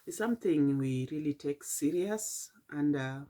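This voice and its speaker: A middle-aged Kenyan woman telling a late-night personal vlog in a tired, halting, reflective way, with many fillers and restarts. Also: low-pitched, expressive, mellow. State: tired and yawning. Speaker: vlogger.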